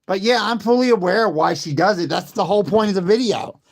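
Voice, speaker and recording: A hoarse man who has lost his voice, coughing and talking defensively in casual chat, repeating his points. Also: high-pitched, fast talker. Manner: repetitive, defensive.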